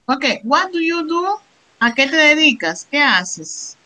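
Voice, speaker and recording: A middle-aged woman teaching an English class, reading English phrases slowly and explaining them with frequent "right?" check-ins. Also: high voice, very animated, sharp tone, poor audio. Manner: reads English slowly, then explains in Spanish with frequent "¿verdad?". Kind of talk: classroom lesson.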